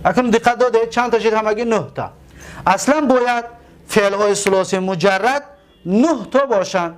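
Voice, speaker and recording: A man with a Tajik accent leads a grammar lesson in a fairly high voice. He drills verb forms slowly and keeps quizzing the class with short questions. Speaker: teacher of Arabic grammar.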